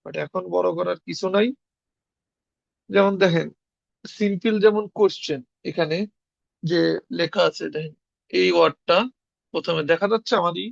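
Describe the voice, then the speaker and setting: Young guy from bangladesh teaching over a video call, high gravelly voice, dull lo-fi sound. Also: steady tone, moderate pace, long pauses, no echo. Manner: explains patiently, spelling words letter by letter. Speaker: Russian language teacher. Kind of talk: online class lesson.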